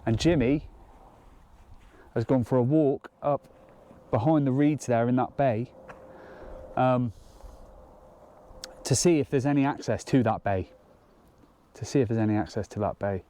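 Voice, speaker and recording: A man filming a casual fishing vlog outdoors by a lake dam, chatting excitedly and laughing often. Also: medium pitch. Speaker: fishing vlogger.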